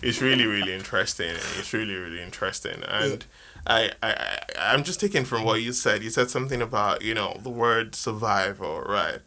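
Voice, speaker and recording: A man's voice: lowish voice, fairly quick, pushed and bright. A man hosting a podcast conversation, talking in an earnest, emphatic way and repeating key words.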